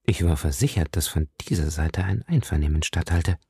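A man voicing a cold, cunning noblewoman in an audiobook, speaking low and measured with a probing edge. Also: sing-song, dark tone, husky, no room sound, clean studio sound. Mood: guarded. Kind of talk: audiobook reading.

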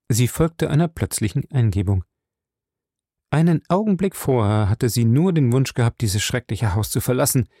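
A man narrating a novel in a measured, even storytelling voice. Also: medium pitch, no echo, clean studio sound. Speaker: audiobook narrator. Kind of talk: scripted narration.

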